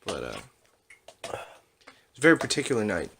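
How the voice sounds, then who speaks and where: Young male podcast co-host, lowish voice, loose rambling delivery. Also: wildly swooping pitch, normal speed, a bit bright, a little hiss or hum. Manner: rambling, laughs at own stories. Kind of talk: casual chat.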